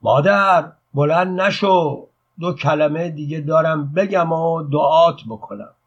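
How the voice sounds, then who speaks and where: A man's voice: medium pitch, husky, dull audio, close to an everyday voice. A man voicing a sly, scheming middle-aged beggar preacher who chants and pleads with a crowd for money. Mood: pleading. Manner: chanting, then pleading and brash.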